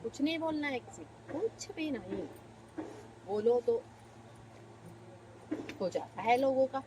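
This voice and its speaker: A woman talking casually in quiet, offhand remarks. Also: high voice, lively intonation, slow pace, noisy background. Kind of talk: casual conversation.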